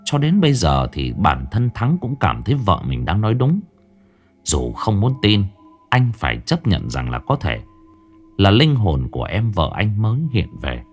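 A man narrating a scripted horror story, dramatic and hushed at tense moments. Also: lowish voice, wildly swooping pitch, normal speed, soft background music.

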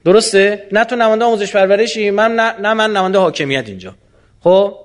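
A man answering audience questions in a colloquial lecture, animated and full of rhetorical questions. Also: sits high.

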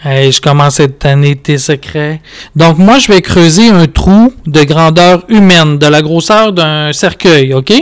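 A man's voice: on the high side, measured pace, smooth. A man with a Quebec French accent hosting a podcast, joking playfully while playing a game. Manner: playful, joking, laughing asides. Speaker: podcast host.

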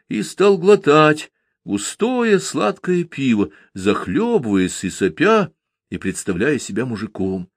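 Male audiobook reader, lively dramatic delivery, dry close sound. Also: on the low side, no echo. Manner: dramatic, animated storytelling. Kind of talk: expressive audiobook narration.

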